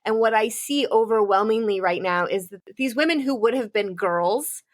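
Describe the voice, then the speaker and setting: A woman's voice: a little high, normal speed. A woman co-hosting a pop culture podcast, talking in a casual, fired-up and profane way. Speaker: podcast co-host.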